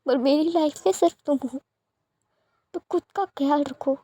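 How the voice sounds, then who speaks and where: A woman voicing an angry young man scolding and shouting at his beloved in a storybook reading. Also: sits high, normal speed, no echo, lightly acted.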